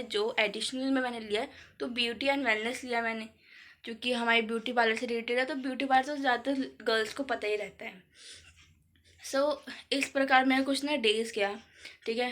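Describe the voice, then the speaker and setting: A woman's voice: fairly high pitch, a bit bright. A teenage girl vlogging about her school day in a chatty, rambling way. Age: teens. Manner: chatty, filler-heavy storytelling. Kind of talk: casual vlog chat.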